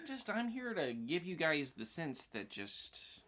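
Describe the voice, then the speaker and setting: Joking man with a lively, swooping voice. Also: a little high. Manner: jokey, quick wisecracks, laughs at own jokes. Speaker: podcast co-host. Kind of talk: casual chat.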